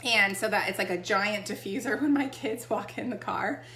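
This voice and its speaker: A woman from Texas, medium-pitched and sharp-toned at a moderate pace, chats easily while demonstrating essential oils for sale. She checks in with the listener often, and a faint hum runs through the echoey room.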